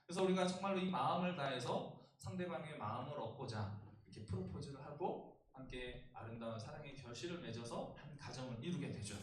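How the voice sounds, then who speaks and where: A male pastor preaching a youth sermon, joking and asking the congregation questions. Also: a little high. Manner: humorous, asks the congregation questions. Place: church sanctuary. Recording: echoey church hall, distant mic.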